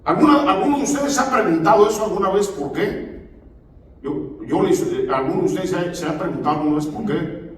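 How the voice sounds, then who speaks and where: A man's voice: sits high, lively intonation, brisk, slight background noise. A male pastor preaching a sermon in a church, often asking the congregation for amens. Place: church hall. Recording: echoey hall, voice far from the mic.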